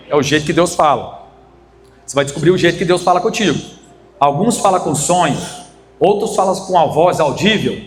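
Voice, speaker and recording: A man's voice: high voice, a little hiss or hum. A man preaching a sermon as pastor, telling a story and asking the congregation for amens. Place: church hall. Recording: long hall reverb, faint ambience. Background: congregation responses.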